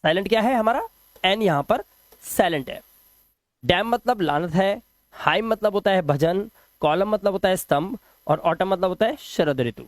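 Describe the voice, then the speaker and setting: A man's voice: high-pitched, no room sound. Patient male English teacher, dry close mic. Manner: patient, explains step by step with repeated examples. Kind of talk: classroom-style lesson explaining silent letters.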